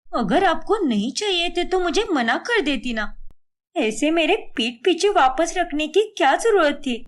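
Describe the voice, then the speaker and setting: A woman voicing an indignant young sister-in-law who speaks in a sharp, accusing way. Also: extremely high pitch, lively intonation, unhurried. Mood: upset.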